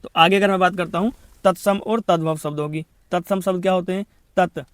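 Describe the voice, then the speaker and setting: A man's voice: high-pitched, fairly even intonation, clean tone, no echo. A man giving an exam-prep grammar lesson, rattling off word lists and checking in often. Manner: lists words rapidly, repeats "thik hai" as a check-in. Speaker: Hindi grammar teacher.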